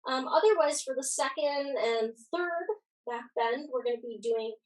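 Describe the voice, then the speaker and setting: A woman's voice: high-pitched, moderate pace, far from the mic, low-quality recording. A woman giving casual, reassuring yoga class instruction, guiding and encouraging as she goes.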